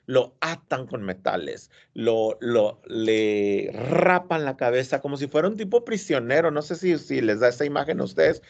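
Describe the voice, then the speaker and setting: A man's voice: mid-range voice, creaky. Male teacher lecturing a class on a story, keeps asking students questions, muffled classroom recording. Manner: explanatory, asks the class check questions. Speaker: high school literature teacher.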